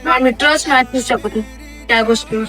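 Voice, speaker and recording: A woman's voice: on the high side, a little fast, bright, forceful tone. A woman talking back to her husband, dismissive and teasing in a casual home video. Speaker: wife. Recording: echoey room with music.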